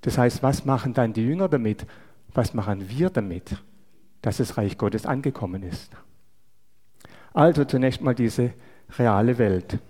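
A man delivers a sermon in a warm, mellow voice of middling pitch. He speaks in a measured way and often turns to the listeners with rhetorical questions. His voice rings out with a long reverb, as in a large church hall. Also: animated. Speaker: preacher.

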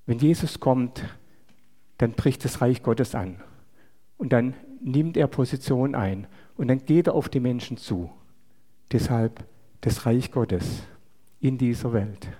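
A man delivers a sermon in a warm, mellow voice of middling pitch. He speaks in a measured way and often turns to the listeners with rhetorical questions. His voice rings out with a long reverb, as in a large church hall. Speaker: preacher.

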